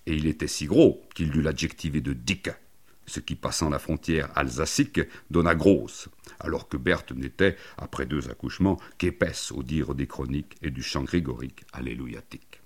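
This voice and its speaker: A man narrating an absurd comic story in a deadpan, mock-learned way, full of wordplay. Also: rumbling low, moderate pace, husky.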